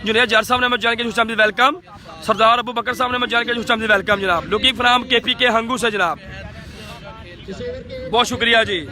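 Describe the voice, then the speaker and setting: High-pitched, bright Pakistani man, excited cricket commentary. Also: fairly quick, a faint crowd. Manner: repeats phrases, drops in English words. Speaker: live-stream cricket commentator. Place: outdoors at a cricket match.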